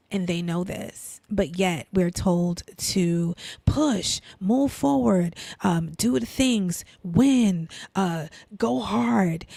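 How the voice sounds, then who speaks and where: A woman from Brooklyn who speaks on faith and lifestyle offers casual inspiration, peppering her talk with rhetorical questions plus "right?" and "you know." Now and then she softens into a near-whisper; her voice is mid-range and the recording has no echo.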